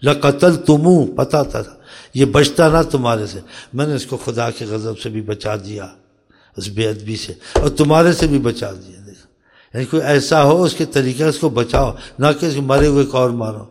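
Preaching man in a reverberant hall. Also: medium pitch. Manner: addresses listeners directly with rhetorical questions; drops often into soft, quiet asides. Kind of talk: storytelling sermon.

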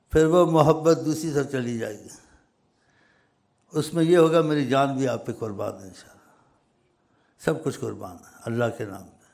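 An older man giving an informal, rambling sermon, pressing points hard and then dropping his voice low. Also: gravelly. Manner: rambling, emphatic, swings between loud stresses and soft drops. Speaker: religious speaker.

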